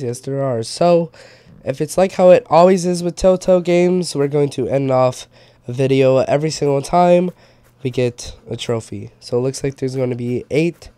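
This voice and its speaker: Stuffy-nosed male gamer, casual play-along commentary, slightly high and warm. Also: smooth, no room sound. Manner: chatty, thinks aloud while playing. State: stuffy and sick. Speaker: game streamer.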